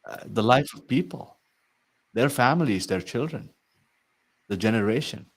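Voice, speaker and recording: A man's voice: mid-range voice, expressive, normal speed. A man working as an IT consulting coach, talking earnestly and persuasively to viewers, often tagging sentences with "right?". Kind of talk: promotional talk to viewers.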